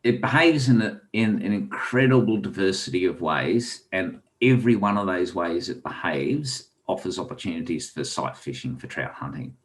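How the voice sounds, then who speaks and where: Hardly pausing, this Australian man speaks in a low, expressive voice at normal speed as a podcast guest. The angler and author spins rambling fishing anecdotes, scattering ums throughout the casual interview.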